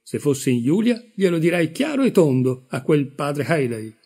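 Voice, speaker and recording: A man doing a flustered old aunt, shrill and high. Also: sing-song, moderate pace, warm tone, husky, full character voice. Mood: earnest. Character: fussy elderly Irish aunt, anxious hostess.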